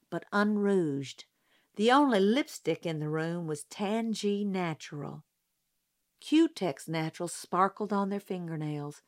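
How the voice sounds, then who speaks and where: A woman narrating a novel aloud in a calm, measured storytelling voice. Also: fairly low pitch. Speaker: audiobook narrator. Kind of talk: scripted narration.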